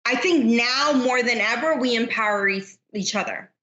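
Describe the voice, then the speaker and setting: A woman's voice: on the high side, moderate pace, bright, forceful tone, echoey room, lo-fi sound. A middle-aged woman, a business unit manager, speaking candidly and at length as a podcast guest. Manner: candid, talkative, many fillers like you know. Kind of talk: casual interview chat.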